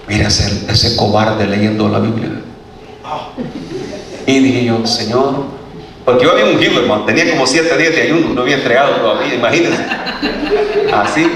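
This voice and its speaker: A man's voice: mid-range voice, far from the mic. A man preaches a testimony sermon in a very echoey church hall. He stands back from the microphone, and a faint hum of the room sits behind him. He laughs often and slips into the voices of the people in his story.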